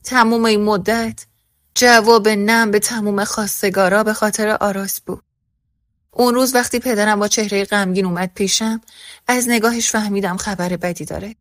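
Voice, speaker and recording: A woman reading a first-person story aloud as scripted narration, voicing every character in the same even narrating voice. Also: medium pitch, dry recording, studio quality.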